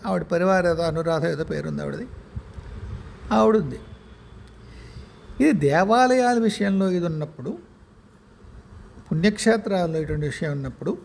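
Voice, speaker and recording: A man giving a reflective spiritual talk, measured, pausing often and correcting himself, with English words mixed in. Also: high-pitched, gravelly, slight background noise. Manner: measured, with many pauses and self-corrections; mixes English words into speech.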